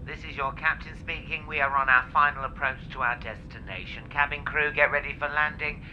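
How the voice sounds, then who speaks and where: A man's voice: a little high, steady tone, a little fast, lo-fi sound. Man giving a pilot's cockpit announcement. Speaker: airline captain announcing landing. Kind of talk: scripted flight announcement. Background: loud music.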